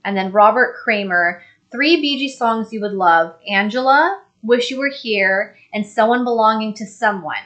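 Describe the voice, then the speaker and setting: A woman's voice: a little high, moderate pace, a bit bright. A young woman co-hosting a casual live stream, reading viewer comments aloud and laughing easily. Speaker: co-host reading live chat.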